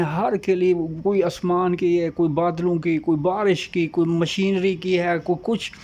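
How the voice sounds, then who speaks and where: A man's voice: sits high, a little mellow. A man giving a casual, rambling monologue as host, piling up repeated phrases and lists.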